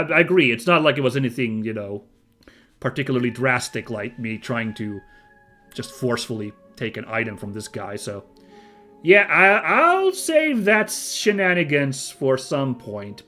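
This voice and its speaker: A man with a medium-pitched voice commentates casually on a game he is streaming. He rambles through self-amused asides. Music plays behind him. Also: pushed and bright.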